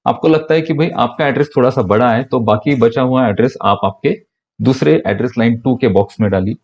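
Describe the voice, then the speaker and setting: Male mentor voice, calm instructional explainer, muffled low-fidelity recording. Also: fairly quick. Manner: patient, step-by-step explaining. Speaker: online business mentor.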